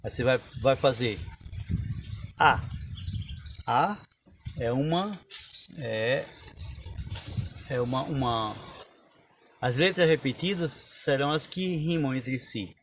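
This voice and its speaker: A man's voice: medium pitch, lively intonation, takes it slowly, long pauses, slight background noise. A man teaching a lesson on cordel poetry, explaining step by step and reciting verses.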